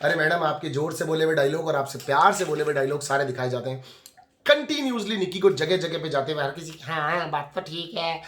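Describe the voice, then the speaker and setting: A rapid-fire male reviewer in a chatty commentary vlog with a slightly high voice, talking straight at the contestants as if scolding them. His voice rings in an echoey room. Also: expressive, fairly bright tone. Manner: chatty, scolds people on the show directly. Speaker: reality TV reviewer.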